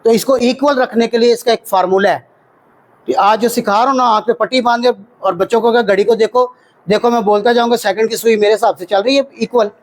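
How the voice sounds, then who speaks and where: In a training room full of students, a man with a high voice and a Pakistani Urdu accent leads a hands-on CPR workshop. He drills the counts out loud and keeps quizzing the class, talking fast with fairly even intonation. The audio quality is poor.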